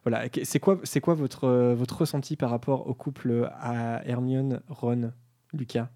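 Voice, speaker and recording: A man's voice: mid-range voice, fairly even intonation, unhurried, mellow. A man hosting a casual group discussion, talking with frequent hesitations and fillers. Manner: hesitant, many fillers, friendly. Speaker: discussion host.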